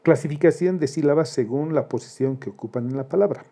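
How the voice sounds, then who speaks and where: A man teaching a grammar lesson, slow and deliberate, spelling out syllables one by one. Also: fairly high pitch, mellow.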